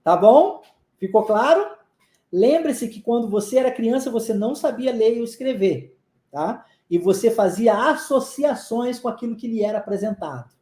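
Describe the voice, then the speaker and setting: Teacher drilling phrases, slow and roomy. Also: medium pitch, animated, warm tone. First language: Portuguese. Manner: drills phrases slowly, checks in often. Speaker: English teacher. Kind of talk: live online English lesson.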